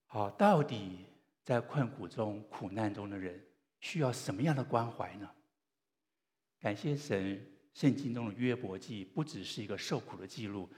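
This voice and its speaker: A man preaching a sermon, telling stories in an earnest way with gentle pauses. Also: on the low side, in a large hall. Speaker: pastor.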